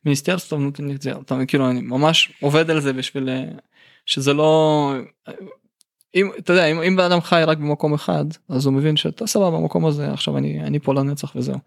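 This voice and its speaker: A man's voice: fairly high pitch, steady tone, gravelly, dry recording, clean studio sound. A man from Russia with a Russian accent, talking candidly and colloquially in a casual interview as a musician guest. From St Petersburg, Russia.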